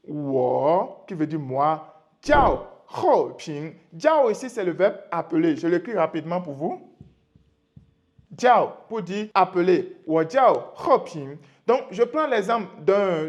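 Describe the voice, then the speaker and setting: A man from Benin, teaching a language lesson patiently and repeating example phrases slowly. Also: high-pitched. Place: room with a whiteboard.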